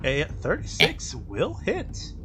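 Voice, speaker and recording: A man's voice: on the high side, huge pitch swings, slow pace, music in the background. A man running a tabletop game as game master, giving terse rulings and short bits of combat narration.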